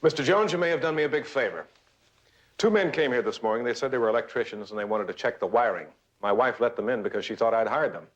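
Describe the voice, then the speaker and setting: An actor playing a smooth, evasive husband with a secret in a television crime drama. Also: male voice, mid-range voice, fast, dull audio, natural voice. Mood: guarded, composed.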